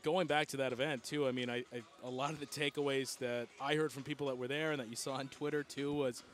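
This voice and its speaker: A man hosts a relaxed courtside conversation in a mid-pitched, ordinary voice. He asks questions in an easygoing way and laughs often. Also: quick pace, soft background music. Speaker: host. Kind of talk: casual chat.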